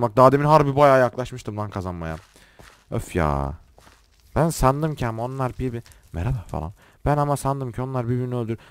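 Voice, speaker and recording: A young man hosting a gaming channel, giving live commentary on a Minecraft match and swinging from muttering to excited yelling. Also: medium pitch, no room sound.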